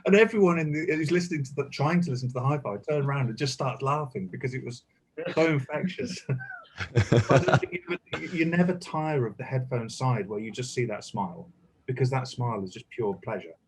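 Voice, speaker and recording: A man in casual conversation, telling lively anecdotes and swearing casually. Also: medium pitch, brisk, slight background noise. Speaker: guest. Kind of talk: casual chat. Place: indoors, relaxed group chat.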